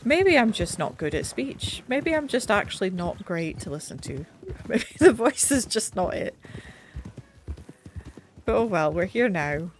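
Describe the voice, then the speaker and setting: A woman with a mid-range, slightly nasal voice swings widely in pitch while keeping a measured pace. She talks casually and self-deprecatingly as she streams a game; her desk mic is set back somewhat, picking up a little hiss or hum.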